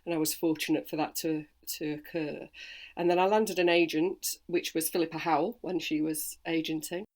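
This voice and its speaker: A woman in her forties from Sheffield with a Yorkshire accent, a voice and accent coach chatting freely in an interview. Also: low-pitched. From Sheffield, England. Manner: chatty and animated, quick bursts of storytelling. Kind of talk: relaxed interview chat.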